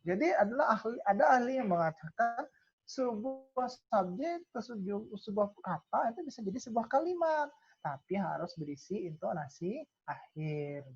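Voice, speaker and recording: A woman tutor teaches an online class over a video call, calling herself Kakak, filling her speech with lots of "nah," and asking then answering her own questions. Her voice is medium-pitched, darkish, very animated, and moderately paced. The audio is lo-fi video call quality.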